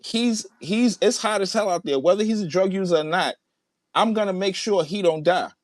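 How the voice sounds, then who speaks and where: A man's voice: high voice, normal speed, dry recording. A man in a heated online debate, arguing emphatically and swearing as he repeats his points. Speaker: debate participant. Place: large room at home.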